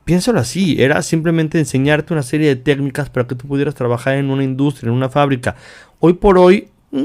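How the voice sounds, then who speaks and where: A man's voice: fairly high pitch, darkish tone. A man from Mexico hosting a self-help podcast, talking earnestly to the listener in long chains of repeated phrases. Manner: addresses the listener directly. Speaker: podcast host.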